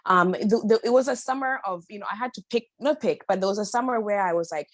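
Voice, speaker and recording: Speaking fast at a medium pitch, this Kenyan body-confidence influencer talks as a podcast guest in a relaxed, personal interview. She's emphatic and motivational, sprinkling in slang. There's no room sound on the recording.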